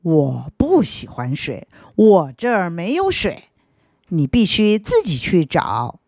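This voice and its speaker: A woman voicing a gruff groundhog in a children's story, speaking slowly with a low, deep voice and curt replies. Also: wildly swooping pitch, a little mellow, no echo, studio quality, heavily acted. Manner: slow, curt, unhelpful.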